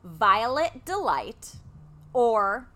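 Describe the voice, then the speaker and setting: A woman in her thirties co-hosting a casual podcast, running a quiz game in a loud, bubbly way. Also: a little high, very animated, drawn-out words. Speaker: podcast co-host.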